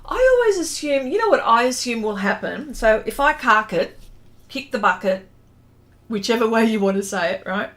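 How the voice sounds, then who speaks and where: Here the same middle-aged Australian livestream host and artist sounds a little high and fairly bright, with big pitch swings at a normal speed. She keeps up casual chat, reading and answering viewer comments in a rambling way that trails off.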